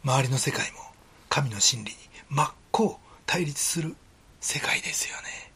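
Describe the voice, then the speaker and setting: A man's voice: mid-range voice, expressive, a little slow, pushed and bright, husky. A male pastor with a Kansai accent, preaching a sermon in an earnest, conversational way and often dropping into a whisper. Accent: Kansai Japanese.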